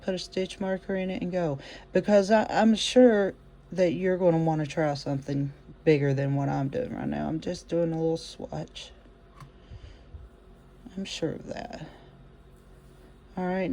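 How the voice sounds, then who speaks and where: A crochet teacher with a mellow, warm voice walks through stitches in a relaxed, chatty way. The phrasing is folksy and homespun, full of gentle encouragement. Each step gets spoken aloud as the hands work. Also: medium pitch. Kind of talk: casual step-by-step craft demonstration.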